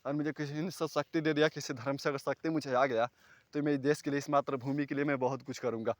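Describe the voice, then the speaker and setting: A man's voice: medium pitch, fairly even intonation, fast, no echo. Earnest rambling man vlogging at night. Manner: rambling, earnest, at times loud. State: scared. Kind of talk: casual talk to camera. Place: outdoors at night, far from houses.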